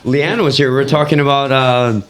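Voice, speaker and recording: A man's voice: mid-range voice, steady tone, brisk, a bit bright, clear, resonant tone. A man in a mid-range voice co-hosting a podcast. He rambles along in an amused, easygoing way, leaning on likes and uhs as he talks. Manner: rambling, filler-heavy, amused. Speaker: podcast co-host. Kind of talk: casual chat.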